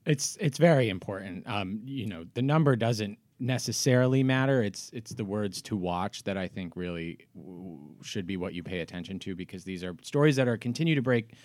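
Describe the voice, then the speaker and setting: Low-voiced man discussing news. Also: animated, a little fast, few pauses, darkish tone, dry recording. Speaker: newspaper deputy editor, radio guest.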